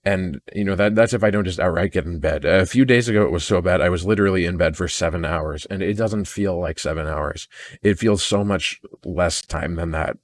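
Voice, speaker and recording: A man with a deep voice records an unscripted personal audio log, sounding weary, downcast and introspective. He speaks haltingly, often repeating words as he restarts his sentences.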